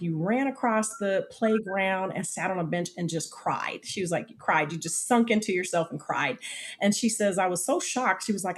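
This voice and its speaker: Speaking with a medium-pitched voice, this U.S. woman in her fifties is a guest on a podcast interview. She tells personal anecdotes in a lively way, voicing the quotes herself and saying "literally" again and again.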